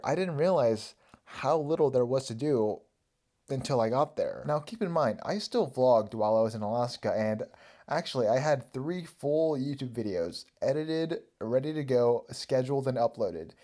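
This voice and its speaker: A man's voice: mid-range voice, warm tone. Chatty young man hosting a podcast. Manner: chatty, rambling, self-mocking. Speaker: podcast host. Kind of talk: casual solo podcast chat.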